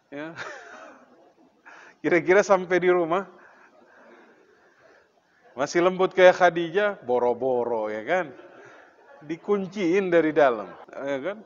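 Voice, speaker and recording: A man preaching a mosque sermon, asking the congregation questions and telling humorous anecdotes. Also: sits high. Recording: dull sound with long reverb in a hall.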